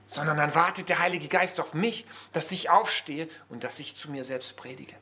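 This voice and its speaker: A man preaching an early morning church sermon, conversational and lively, with many rhetorical questions. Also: on the high side, normal speed.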